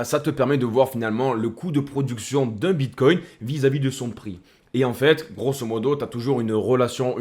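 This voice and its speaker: A man's voice: medium pitch, darkish tone. A man hosting a casual crypto commentary, speaking in a chummy way that addresses the viewer as a buddy. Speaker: crypto video host.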